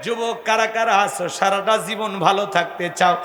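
A male preacher, delivering an emotional sermon in a melodic chant that rises into shouts. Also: high voice, steady tone, moderate pace. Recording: echoey PA sound with long reverb.

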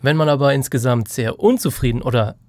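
A man's voice: medium pitch, fairly quick, no room sound. A man explaining recording techniques in a casual tutorial, sometimes moving away from the microphone to demonstrate. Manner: demonstrates mic distance by moving off and back. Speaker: audio engineer explaining recording. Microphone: studio microphone.

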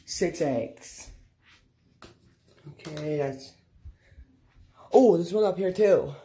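A woman's voice: fairly low pitch, lively intonation, drawn-out words, mellow, slightly rough. A woman hosting a plush toy show, chattily narrating her toy play and talking to herself. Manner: chatty, talks to herself while acting out play.

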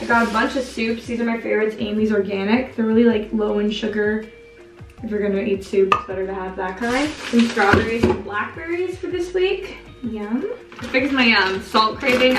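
Young woman, vlogger, casual chatter, fairly high voice, echoey room. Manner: chatty, upbeat, lots of "like". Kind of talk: casual vlog chat. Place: home kitchen.

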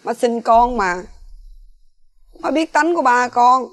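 Casting: a fretful Southern Vietnamese mother, slightly high voice, soft and pleading. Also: slow pace. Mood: soothing. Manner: pleading, anxious, soft-spoken. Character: worried rural mother, middle-aged, pleading. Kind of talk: TV crime reenactment drama.

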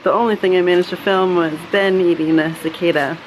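A woman's voice: fairly low pitch, steady tone, brisk, a loud crowd, rough recording. A woman in her thirties talking to a handheld camera at arm's length in a casual travel vlog, chatty and laughing often. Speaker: vlogger.

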